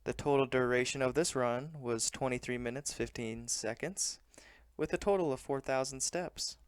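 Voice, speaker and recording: Clear-voiced man narrating a training vlog. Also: medium pitch, normal speed, dry recording, clean studio sound. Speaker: running vlogger.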